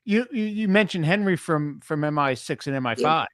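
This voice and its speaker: A middle-aged man hosting a podcast tells his own anecdotes in a relaxed, casual way, quoting the people in them. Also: a little high, normal speed, no room sound, clean studio sound. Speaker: podcast host. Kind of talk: casual interview chat.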